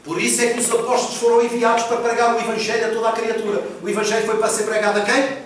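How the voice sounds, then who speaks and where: A man's voice: very high voice, monotone, racing, a little hiss or hum. A male pastor preaching a sermon, emphatic and asking the congregation questions. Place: church hall. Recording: echoey hall, mic far off.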